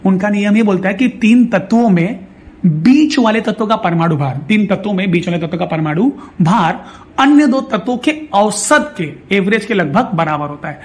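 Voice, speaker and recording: A male science teacher giving a casual lecture, chatty and fond, repeating definitions slowly and calling his students "beta". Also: sits high, animated.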